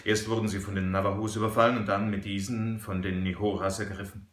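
A man voicing an excitable, cheated middle-aged banker who pleads and hesitates with little ums. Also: on the low side, fast, reverberant, close to an everyday voice. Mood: anxious.

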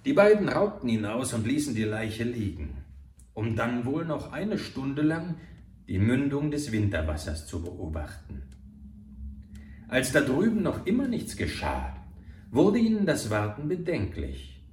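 A man reading an adventure novel aloud in a slow, dramatic storytelling manner. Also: mid-range voice, huge pitch swings, darkish tone, a little hiss or hum. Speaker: narrator. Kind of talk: audiobook narration of an adventure novel. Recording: roomy, far from the mic.

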